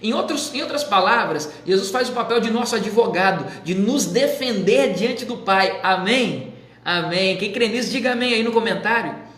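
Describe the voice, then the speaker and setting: A man with a high voice delivers a sermon as a pastor. He keeps asking his listeners questions and answers them himself. The recording has a roomy echo. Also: lively intonation, normal speed, fairly bright tone. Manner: teaching with questions to the audience. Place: indoor room, live stream.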